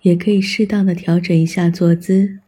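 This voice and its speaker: A meditation guide giving scripted mindfulness instructions in a calm, soothing manner with long pauses between phrases. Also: medium pitch, slightly rough.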